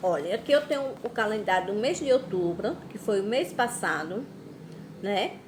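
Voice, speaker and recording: A Brazilian woman teaching a recorded class to young children, slow and patient, drawing out words. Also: mid-range voice, expressive, a little hiss or hum. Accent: Brazilian Portuguese. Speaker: primary school teacher. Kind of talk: recorded remote class lesson.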